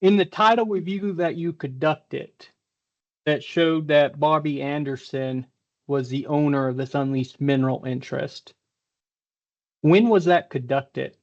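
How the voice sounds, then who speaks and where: A man speaks over a video call, carefully questioning a witness in a formal hearing. He pauses often, and his voice sits a little high. The call audio is dull and lo-fi. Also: a little mellow. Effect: heard over a video call. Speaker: technical examiner at a hearing.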